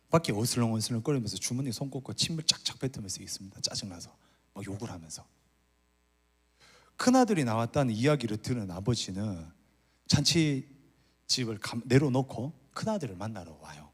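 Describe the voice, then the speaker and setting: Lively, husky-voiced male pastor preaching. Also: mid-range voice, normal speed, long pauses. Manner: animated storytelling, acts out the older son's complaints. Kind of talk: sermon. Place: church retreat hall.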